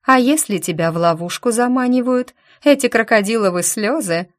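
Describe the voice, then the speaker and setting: A woman's voice: a little high, lively intonation, moderate pace, voice pushed up, close to an everyday voice. A woman voicing a sarcastic, grumbling middle-aged woman nicknamed the witch. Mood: sarcastic, grumpy.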